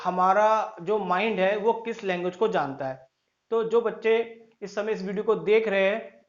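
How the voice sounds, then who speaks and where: A man's voice: sits high, dull audio. A man teaching a physics lesson to students, calling them children and explaining with everyday stories. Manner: addresses listeners as children, tells stories to explain. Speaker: tutor. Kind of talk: classroom lecture to students.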